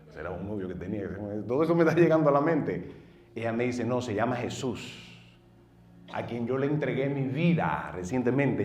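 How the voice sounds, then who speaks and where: A middle-aged man with a Dominican accent, a pastor telling his personal testimony in an earnest way, going from loud bursts to low murmurs. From northeastern United States. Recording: roomy sound from a distant mic.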